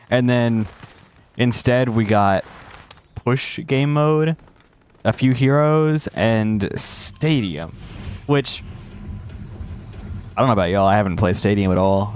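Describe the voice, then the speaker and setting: This young man's voice is on the low side and a little mellow, with slight background noise behind it. A gaming streamer getting over a cold, he sounds congested and chats in a rambling, self-interrupting way, peppered with slang, as he remarks on his play.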